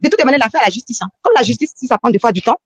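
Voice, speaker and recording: Une femme invitée qui raconte une arnaque, par téléphone, d'une voix rapide, hésitante, pleine de reprises et d'hésitations. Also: female voice, on the high side, expressive, a little hiss or hum. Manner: rapid, halting, with many restarts and fillers. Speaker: guest recounting being scammed. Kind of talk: emotional storytelling on a call. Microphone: phone call. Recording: muffled phone-quality call.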